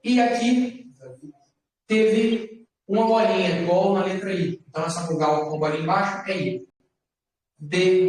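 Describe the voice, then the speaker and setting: A man's voice: fairly high pitch, distant mic. Echoey man teaching a class. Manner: patient, repeats words slowly for students. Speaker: Hebrew teacher. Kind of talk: classroom lesson.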